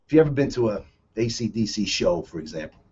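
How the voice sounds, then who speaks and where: A man hosting a radio talk show, telling rambling stories in a casual, excitable way. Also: on the low side, fast, lo-fi sound, a little hiss or hum. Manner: rambling, excitable, chuckling storyteller. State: a little out of breath.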